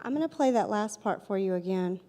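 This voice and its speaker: A woman's voice: medium pitch, lively intonation, a little fast, mellow, a little hiss or hum. A woman in her forties with a Southern US accent, a paranormal investigator giving a storytelling talk who speaks straight to her audience and repeats her points for emphasis. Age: 40s. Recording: long hall reverb.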